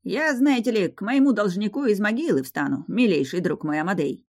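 A woman's voice: medium pitch, expressive, fairly quick, darkish tone, pitched above the performer's own voice. A woman voicing a risen dead male teacher who grumbles like an old man in a ringing boyish voice. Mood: wry.

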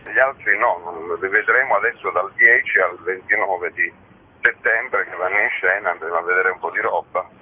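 This festival organiser, interviewed conversationally on the radio, has a low-pitched voice with a breathy edge and a normal speaking speed. He comes across as discursive and frank, matter-of-fact throughout, over muffled, lo-fi audio.

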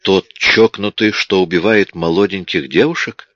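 A sweaty, nervous bartender who answers deferentially, as a male narrator voices him. The voice is low and dry, and the recording is dull and muffled. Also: moderate pace, fairly bright tone, dry recording. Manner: deferential, calls everyone boss.

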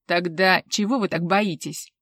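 A loud, bullying male inspector barks his accusations in an audiobook, clipped and commanding, as a woman reader puts him on. The sound is close and dry. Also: fairly low pitch, steady tone, unhurried, no room sound. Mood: barking. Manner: barking, accusing.

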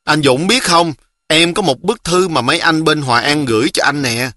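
A man doing a shrill excitable little girl. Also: moderate pace, no room sound, clean studio sound. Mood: excited, sulky. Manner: shrill, pleading, sulky.

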